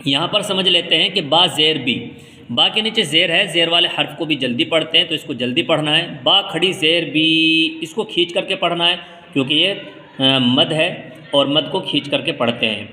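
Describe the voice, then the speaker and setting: Bright-voiced male teacher in an echoey room. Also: a little high. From India. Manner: patient explaining, drawing out and half-chanting letter sounds. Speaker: Quran reading teacher. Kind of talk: step-by-step reading lesson. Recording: echoey room with long reverb.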